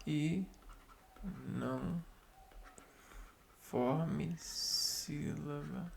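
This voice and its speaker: Slow, gravelly man repeating grammar words. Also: fairly high pitch, darkish tone, slight background noise. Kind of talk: reading and explaining spelling rules aloud.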